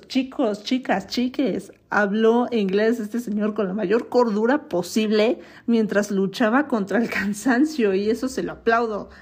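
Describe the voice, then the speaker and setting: A Mexican woman with a Mexican accent hosts a podcast, offering chatty, opinionated commentary and now and then laughing at herself. Her mid-range voice has a darkish tone and a breathy edge.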